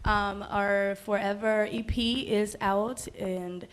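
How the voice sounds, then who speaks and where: A woman's voice: medium pitch, fairly even intonation, slow pace. A young woman from the Dominican Republic, a singer, chatting as a guest in a casual livestream interview, bubbly with many ums. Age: young adult.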